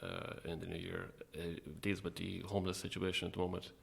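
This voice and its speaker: A playwright and actor, here as an interview guest, reflects hesitantly and casually on his creative work. His low voice carries vocal fry, stays steady in tone, and moves at a fairly quick pace.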